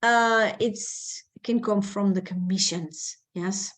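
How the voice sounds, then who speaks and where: A woman's voice: medium pitch, steady tone, slow pace. A woman from Belgium, giving an upbeat, persuasive presentation over a video call. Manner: upbeat and persuasive, urging listeners on. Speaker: presenter of an info session.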